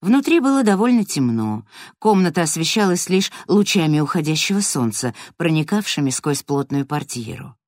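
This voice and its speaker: A woman reading a children's story aloud in a calm, measured way. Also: low-pitched, no room sound, clean studio sound. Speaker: narrator. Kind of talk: scripted audiobook narration.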